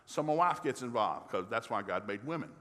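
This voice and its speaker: Mann im Hall, erzählt volkstümliche Predigt. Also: male voice, mid-range voice, a little fast, noisy background. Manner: folksy, animated, acts out dialogue. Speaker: preacher. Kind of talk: humorous storytelling sermon. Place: church sanctuary. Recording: long reverb of a large hall.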